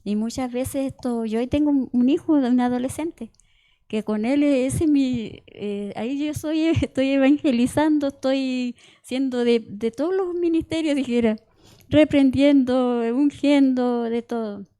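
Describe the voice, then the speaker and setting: A woman's voice: high-pitched, unhurried, warm tone. A middle-aged woman gives a conversational sermon mixed with personal testimony, often restarting words and checking in with "¿cierto?". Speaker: church member preaching.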